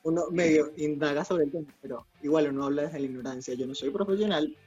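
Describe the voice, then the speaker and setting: Calm man, husky voice. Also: a little high, fast talker. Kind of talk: casual chat. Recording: dull lo-fi sound with faint music.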